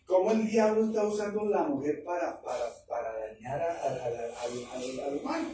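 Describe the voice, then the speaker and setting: A man's voice: on the high side, normal speed, mellow. A man, a pastor preaching an emphatic, fervent sermon full of repetitions. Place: church hall. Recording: echoey hall, distant mic, faint noise.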